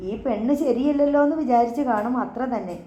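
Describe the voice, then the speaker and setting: A woman's voice: a little high, brisk, mellow, echoey room, natural voice. A woman reading as Shailaja, bold and commanding. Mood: blunt. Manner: blunt, commanding, playfully teasing.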